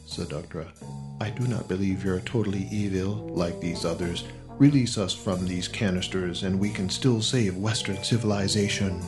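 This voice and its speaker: A man playing a calm, earnest alien superhero in a cartoon, with stiff, formal heroic diction. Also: deep voice, moderate pace, natural voice. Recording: music behind the voice.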